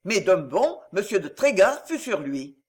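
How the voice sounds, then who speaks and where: Man, audiobook narration, high voice, very animated, expressive. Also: measured pace, breathy edge. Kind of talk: scripted narration of a classic novel.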